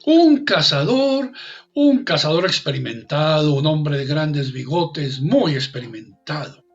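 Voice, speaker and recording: A man performs a folk tale aloud with a high-pitched voice. He swings between loud exclamations and hushed asides, repeating phrases for effect. The recording is dull and lo-fi, with faint music underneath. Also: expressive, unhurried. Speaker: storyteller. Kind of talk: oral storytelling performance.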